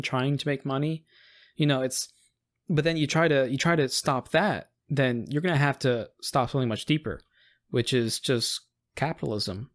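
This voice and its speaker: American man co-hosting a rambling podcast. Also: medium pitch. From United States. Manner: rambling, restarts and acts out quoted voices. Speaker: podcast co-host. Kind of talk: casual conversational podcast.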